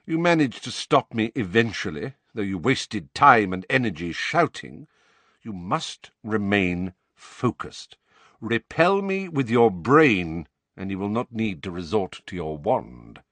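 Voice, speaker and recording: A man's voice: on the low side, very animated, a little slow, fairly bright tone, no room sound, full character voice. A man voicing a cold, menacing male teacher who speaks in clipped, cutting phrases. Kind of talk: audiobook character voice.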